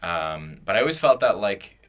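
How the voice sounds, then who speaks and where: A young man from Canada co-hosting a podcast in casual chat, halting with frequent "um"s. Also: low voice, big pitch swings, fairly bright tone. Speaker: podcast co-host.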